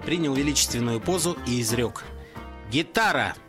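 A man's voice: mid-range voice, animated, fairly quick, loud music behind the voice. A man narrating a story as an audiobook reader. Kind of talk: scripted narration.

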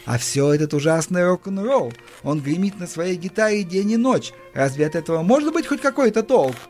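A man's voice: sits high, expressive, moderate pace, a little mellow, faint music behind, voice pushed up. A man reading the part of a stern, disapproving older aunt in an audiobook, lecturing her nephew.

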